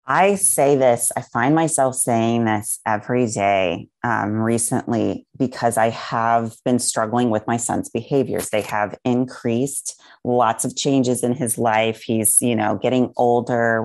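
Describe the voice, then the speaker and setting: Woman guest, low gravelly voice, earnest and heartfelt, casual podcast talk. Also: fairly even intonation, a little slow, hardly any pauses, a little mellow. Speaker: guest, parenting guide.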